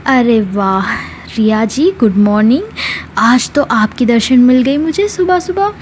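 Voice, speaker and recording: A woman's voice: on the high side, measured pace, a little hiss or hum, lightly acted, poor audio. A woman voicing a young woman who pesters others on purpose, mockingly sweet. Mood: teasing. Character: teasing, needling young woman.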